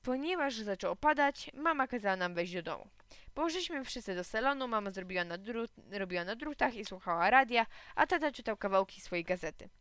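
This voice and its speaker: Woman reading a kids story out loud, bright clear voice, dry sound. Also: on the high side, animated, a little fast, dry recording. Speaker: reader. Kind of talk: reading a children's story aloud.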